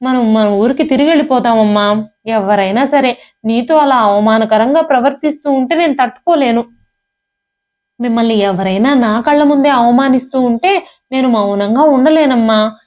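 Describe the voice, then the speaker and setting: A woman's voice: a little high, normal speed, a little mellow, natural voice. Brief: woman storyteller playing a loyal teen boy, earnest and pleading, voice lifted a little. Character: hurt teenage son, loyal to his mother.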